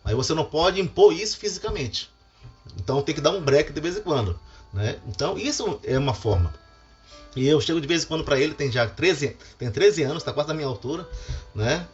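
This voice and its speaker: Brazilian pastor guy acting out family arguments, lo-fi recording, soft music behind. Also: on the high side, fairly quick. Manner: animated, acts out quoted lines. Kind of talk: devotional family talk. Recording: dull lo-fi with faint music.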